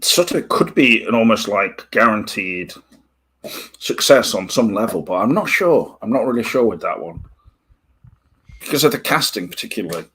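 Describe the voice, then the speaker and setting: A man's voice: on the low side, expressive, normal speed, fairly bright tone, breathy edge. A man co-hosting a podcast, talking films in a wry, skeptical way. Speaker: podcast co-host. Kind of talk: casual chat about films.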